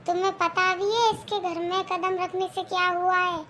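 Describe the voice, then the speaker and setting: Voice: very high voice, level tone, normal speed, noisy background. A performer voicing a middle-aged father in a homemade cartoon, stern and approving. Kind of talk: cartoon voice acting.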